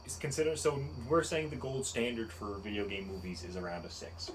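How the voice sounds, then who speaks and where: A man co-hosting a podcast in casual chat, animated and incredulous, laughing often. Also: on the low side, fairly quick, a little hiss or hum, rough recording. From United States. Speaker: podcast co-host.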